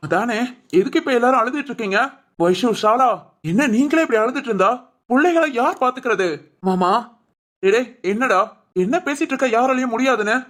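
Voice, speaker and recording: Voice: mid-range voice, animated, brisk, fairly bright tone, close to an everyday voice. A performer putting on a commanding family uncle. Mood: rousing. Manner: rousing, commanding, scolding. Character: older uncle, forceful head of the family. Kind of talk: animated family drama voice-over.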